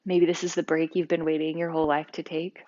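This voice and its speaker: A woman leading a guided yoga and breathing class, speaking calmly and slowly with soft-spoken guidance. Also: sits low, muffled recording. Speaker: yoga instructor.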